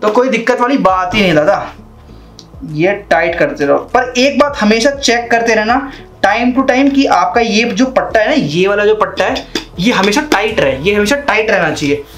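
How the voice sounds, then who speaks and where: A man's voice: high voice, animated, normal speed, a bit bright, faint music behind. A young man in a casual how-to vlog, chatting and repeating himself as he works with his hands at a desk in a small room. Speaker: vlogger.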